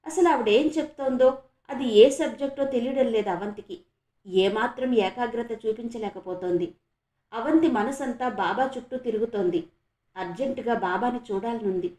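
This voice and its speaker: A woman from Andhra Pradesh narrating a novel as an audiobook, in a steady, measured storytelling voice. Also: a little high. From Andhra Pradesh, India. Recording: echoey room.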